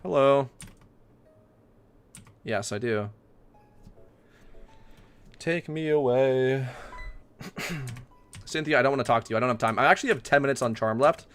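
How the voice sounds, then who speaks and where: A young man livestreaming a game, chatting casually, swearing and ranting loudly at it. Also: mid-range voice, moderate pace, long pauses, faint music behind. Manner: excitable, swears often, rants loudly at the game. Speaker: streamer.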